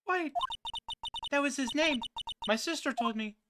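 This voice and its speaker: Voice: high voice, measured pace, music in the background, pitched above the performer's own voice. A performer voicing an earnest young male defense lawyer in a video game, emphatic and theatrical, determined yet easily flustered. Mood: brooding. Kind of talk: dramatic video game read-aloud with character voices.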